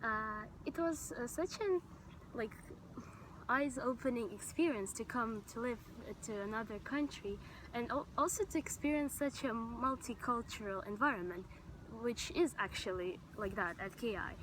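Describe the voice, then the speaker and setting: A woman's voice: fairly high pitch, moderate pace, a bit bright, a little hiss or hum, poor audio. A young woman from Estonia, chatting enthusiastically to a camera outdoors, with lots of fillers. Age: young adult. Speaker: vlogger. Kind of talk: casual chat to camera. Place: outdoors on grass, sitting on a stone.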